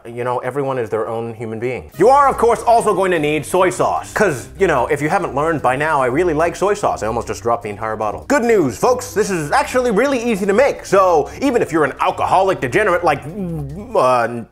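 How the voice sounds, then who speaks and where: A drunk man giving a casual cooking tutorial, rambling and tossing in joking, self-deprecating asides while he works. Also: high voice. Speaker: cooking video host. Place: home kitchen while cooking. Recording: sizzling pan and kitchen noise.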